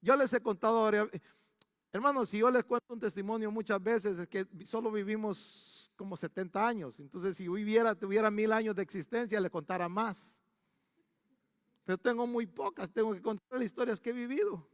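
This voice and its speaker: A man's voice: sits high, moderate pace, no echo, studio quality, long reverb tail. A male pastor preaching a storytelling sermon in a church. He talks animatedly and often restarts his sentences.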